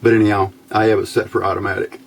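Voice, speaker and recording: A hobbyist presenter demonstrates electronics test equipment in a quick, flat delivery with a fairly low pitch. The demo is casual, unscripted and hands-on, laid out step by step in a plain, folksy way, with a little hiss or hum present.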